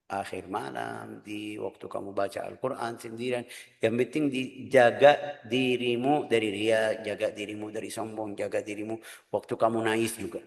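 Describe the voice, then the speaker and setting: Casting: male preacher, earnest and animated, long hall reverb. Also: fairly low pitch, normal speed, vocal fry. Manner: earnest, lively preaching with quoted voices. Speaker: religious teacher. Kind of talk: Quran study lecture.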